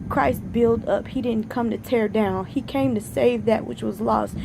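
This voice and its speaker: A woman's voice: a little high, steady tone, a little slow, vocal fry, heavy background noise. Earnest woman preaching from her porch. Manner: earnest, preachy, repeats for emphasis. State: close to tears. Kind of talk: informal devotional exhortation. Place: sun porch outdoors. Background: thunder outside.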